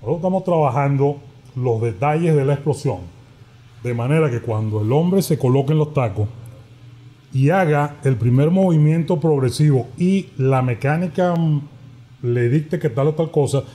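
Animated Venezuelan sports commentator. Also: male voice, on the high side, moderate pace. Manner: animated anecdotes, acts out quoted voices. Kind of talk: casual storytelling.

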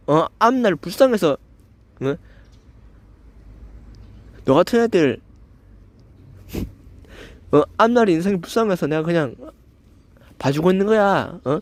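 A man's voice: high-pitched, dry recording. Stammering young man ranting angrily. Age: young adult. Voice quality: stammers, slightly slurred pronunciation. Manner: confrontational, swearing, constant filler "eo". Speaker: channel host. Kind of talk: angry rant at a commenter.

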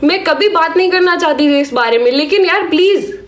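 A woman speaks in a high voice made rough and hoarse by a sore throat. She scolds her live-stream viewers in a stern warning rant and presses each point with a challenging "okay?". Faint music plays softly behind her. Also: animated, a little fast. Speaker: social media creator on a live stream.

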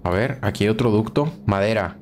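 A man's voice: fairly low pitch, a little fast, darkish tone, a little hiss or hum. A young man with a Mexican Spanish accent, commenting on a horror game as he plays, swearing and shrieking when scared. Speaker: gaming streamer. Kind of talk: let's play commentary.

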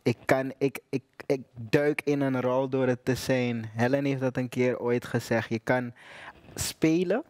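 A young man, an actor, talking relaxed and enthusiastically about his film role on stage. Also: mid-range voice, measured pace, no echo. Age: young adult. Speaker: actor guest. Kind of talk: casual stage conversation.

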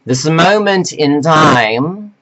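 Man, scolding lecturer, slow delivery, preachy, sudden pitch jumps. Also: lively intonation, sharp tone, low-quality recording. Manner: reads from notes. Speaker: self-styled life coach addressing men. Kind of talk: lecturing monologue to camera.

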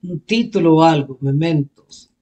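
A woman's voice: on the low side, a little slow. Bilingual woman reacting to rap. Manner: switches between Spanish and English, explaining lyrics; thinks aloud, restarts and self-corrects. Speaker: reaction video host. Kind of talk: casual reaction commentary.

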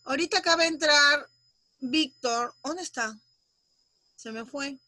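A woman teaching young children in an online class over a video call, patiently sounding out syllables and using gentle diminutives. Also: sits high, a little slow, no echo. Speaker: primary school teacher.

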